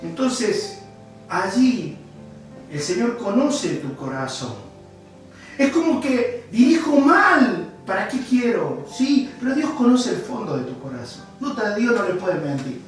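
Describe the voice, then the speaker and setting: A man from Córdoba, Argentina, with a Cordoban accent, preaching a sermon as an animated storyteller who jokes with the congregation and breaks into shouts. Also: high voice, measured pace. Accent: Cordoban Argentine Spanish. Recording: echoey hall from a distant mic, faint music.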